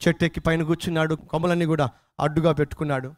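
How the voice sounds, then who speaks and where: A man's voice: a little high, flat delivery, rapid-fire. A man preaching an impassioned sermon, pressing repeated rhetorical questions and storytelling.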